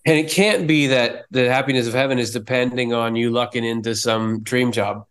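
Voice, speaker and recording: A man's voice: medium pitch, fairly even intonation, normal speed, fairly bright tone. A man co-hosting a podcast, explaining religious ideas in an earnest, conversational way with frequent restarts. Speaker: podcast co-host. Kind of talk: casual theological discussion.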